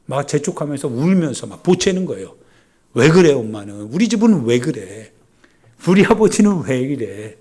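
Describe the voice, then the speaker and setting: A middle-aged man, a pastor, preaching a sermon with animated storytelling and acted-out complaints. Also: on the high side.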